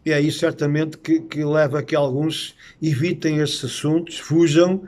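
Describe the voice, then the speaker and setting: A middle-aged man with a European Portuguese accent, teaching about Bible prophecy in an earnest, unscripted way, often pausing on hesitant "eh" fillers. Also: a little high, level tone, a little mellow.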